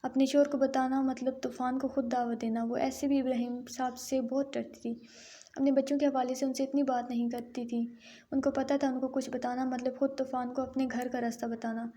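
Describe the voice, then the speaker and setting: A woman narrating a romance novel aloud in a steady, even storytelling manner. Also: high-pitched. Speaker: audiobook narrator.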